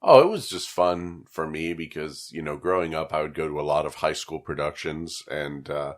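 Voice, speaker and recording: A man co-hosts a casual podcast while fighting a cold, so his voice comes out stuffed up and nasal. He talks in a chatty, upbeat way. His voice sits quite low. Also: normal speed. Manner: chatty and upbeat, laughs easily. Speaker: podcast co-host. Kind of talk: casual chat.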